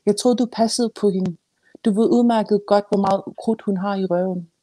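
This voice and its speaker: A woman reading aloud and giving voice to an irritated mother who scolds in a sharp, exasperated way. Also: medium pitch, steady tone, no echo, pitched above the performer's own voice, natural voice. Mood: scolding.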